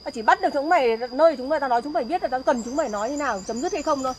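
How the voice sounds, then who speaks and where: A woman's voice: high-pitched, animated, racing. A woman playing an angry wife, scolding and berating her husband outdoors at night. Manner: shouting angrily, scolding. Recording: faint outdoor noise with crickets.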